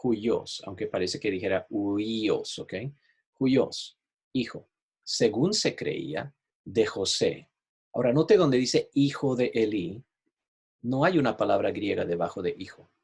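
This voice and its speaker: A man leads a Bible study, explaining the material patiently and in careful steps. His voice sits a little low and has a faintly husky edge. He keeps checking in with his listeners as he goes. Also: expressive, moderate pace, darkish tone. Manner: explanatory, repeats "¿ok?" to check understanding; shares screen while teaching, online class. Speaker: Bible teacher.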